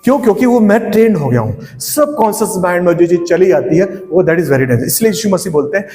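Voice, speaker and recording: Man, pastor, high voice, emphatic sermon with hallelujahs, hall reverb, faint music. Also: expressive, fast, warm tone. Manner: emphatic preacher, frequent hallelujahs, acts out everyday dialogue.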